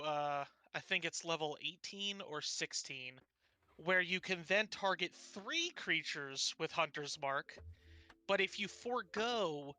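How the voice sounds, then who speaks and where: A man's voice: fairly high pitch, pushed and bright. A man playing in a tabletop game, enthusiastically explaining his character's abilities in detail. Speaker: player.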